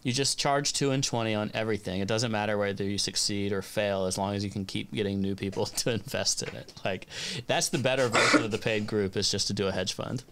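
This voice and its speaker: A man's voice: lowish voice, steady tone, a little fast, few pauses, a bit bright, slight background noise. A man co-hosting a casual podcast interview, joking and teasing in loose banter. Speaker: podcast co-host.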